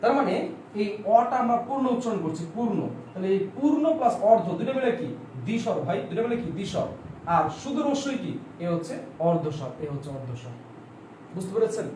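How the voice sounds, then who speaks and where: A male teacher with a high, sing-song, warm voice talks fast while giving an online exam-prep lecture, sitting far from the mic. He repeats his points, quizzes listeners with questions he answers himself, and stretches out example words to demonstrate their pronunciation. The room is echoey, his voice is somewhat off-mic, and faint background noise can be heard.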